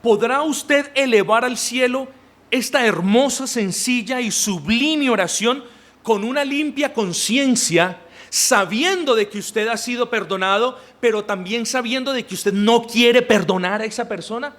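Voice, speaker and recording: A man's voice: extremely high pitch, a little slow, fairly bright tone. A man preaching a sermon as pastor, talking emphatically and directly to his congregation. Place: church.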